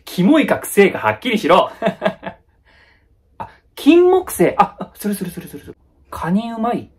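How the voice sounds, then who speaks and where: A man performing a comedic solo skit, firing off quick, blunt retorts in rough casual speech. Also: high voice, wildly swooping pitch. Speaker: comedy YouTuber.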